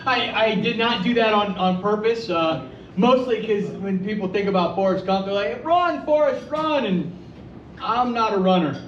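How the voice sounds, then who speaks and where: A young man from Ohio doing a stand-up set in a brewery, halting and self-deprecating, stumbling over his words and restarting often. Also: sits high, slight background noise. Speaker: stand-up comedian. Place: brewery room with live audience. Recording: echoey, distant, slightly dull live-room recording.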